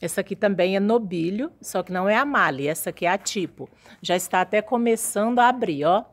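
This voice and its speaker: A woman's voice: mid-range voice, expressive, a little fast. A woman giving a casual walking tour of her home orchid house, chatting admiringly as she shows her plants to viewers. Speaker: orchid grower vlogger.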